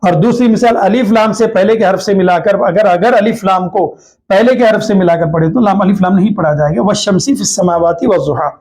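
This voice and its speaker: A man with a Hyderabadi Urdu accent teaching a tajweed lesson, repeating each rule and slowly drawing out the Arabic example words. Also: high-pitched, darkish tone. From Hyderabad, India. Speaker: Quran recitation teacher. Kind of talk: tajweed lesson, explaining rules.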